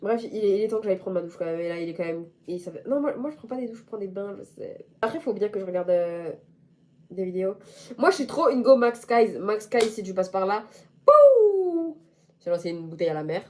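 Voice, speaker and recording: A woman's voice: mid-range voice, animated, quick pace, warm tone. A young woman in casual chat to camera as a vlogger, playful and self-mocking, with slang. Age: young adult.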